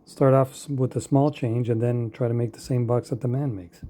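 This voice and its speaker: A man's voice: medium pitch, fairly even intonation, moderate pace, mellow. Man asking pointed questions. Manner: probing, repeats his questions. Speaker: podcast participant. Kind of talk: casual group discussion.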